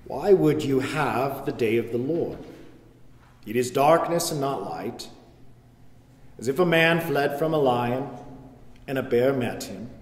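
Slow man in cathedral echo. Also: mid-range voice, lively intonation. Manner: slow, measured, intoned delivery. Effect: cathedral echo with long reverb. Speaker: priest leading a church service. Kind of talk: liturgical prayer and scripture reading. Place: large church. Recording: echoey large church hall.

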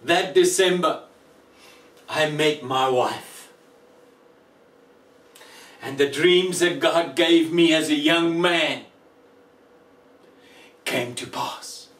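Guy preaching his testimony real slow, kinda high voice, sounds far from the mic. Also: fairly bright tone, roomy sound. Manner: slow, emotional, dramatic pauses. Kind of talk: testimony sermon.

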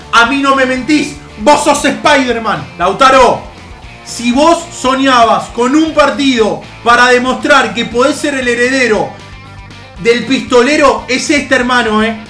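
A young man with an Argentine accent giving playful gameplay commentary, coaching his team and yelling at goals. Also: very high voice, expressive, a little slow. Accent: Argentine Spanish. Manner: playful, talks to players like a coach, yells at goals. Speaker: gaming youtuber. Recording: echoey room with music behind.

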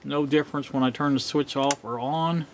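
A man in the middle of a workbench repair talks casually to his viewers, pausing often and filling the gaps. He has a mid-range voice, and there is a faint hiss of background noise. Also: medium pitch. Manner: relaxed, halting, many fillers. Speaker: vintage electronics repair vlogger. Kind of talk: casual workshop narration.

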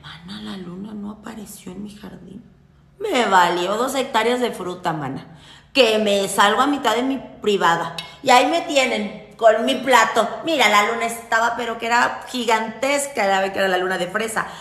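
A woman's voice: fairly high pitch, normal speed, fairly bright tone, roomy sound. Chatty Mexican woman, salty slang. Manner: chatty and salty, teasing her viewers with slang; laughs often at her own jokes. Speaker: witchcraft teacher. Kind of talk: casual spoken ritual tutorial.

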